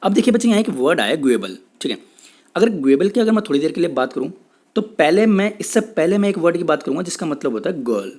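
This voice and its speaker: Man teaching vocabulary, slow-spelled definitions. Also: on the high side, big pitch swings, darkish tone. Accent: Indian English. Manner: repetitive, checks in with "theek hai", says English definitions slowly. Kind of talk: Hindi-English classroom lecture.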